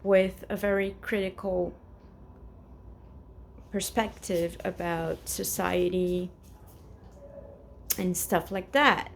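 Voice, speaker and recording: A woman's voice: lowish voice, level tone, takes it slowly, creaky, long pauses, slight background noise. A woman in her forties from Brazil, speaking English with a Brazilian Portuguese accent and Portuguese as her first language, rambling hesitantly in a casual personal vlog at home. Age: 40s. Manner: rambling and hesitant, many restarts. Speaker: vlogger.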